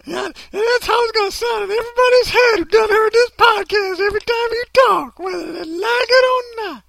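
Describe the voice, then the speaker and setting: A man putting on the voice of a loud old woman who wails and shouts dramatically. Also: moderate pace, vocal fry, a crowd in the background. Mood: shrill scolding. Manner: shrill, shouting, crying out.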